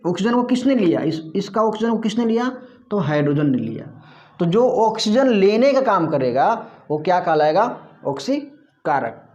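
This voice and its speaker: A man's voice: sits high, big pitch swings, a little fast, darkish tone, lo-fi sound. A male teacher giving a classroom chemistry lesson, putting questions to the class and answering them himself, repeating the key terms.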